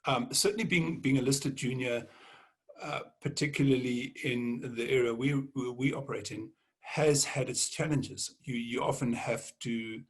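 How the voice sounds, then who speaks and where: A man answering on a panel, halting and often repeating words as he thinks. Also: mid-range voice, husky. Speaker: panelist, mining executive.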